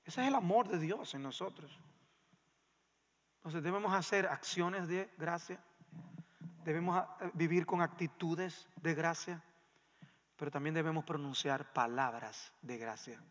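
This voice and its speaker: A male pastor preaching a sermon in a church, emphatic and swinging between loud passages and hushed ones. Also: a little high, unhurried, long pauses. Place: church sanctuary. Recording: long reverb of a church hall.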